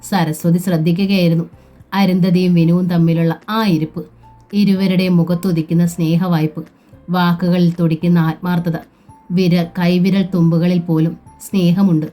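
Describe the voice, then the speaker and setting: A woman reading a family novel aloud in a steady, measured storytelling voice. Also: on the low side, soft background music. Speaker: narrator.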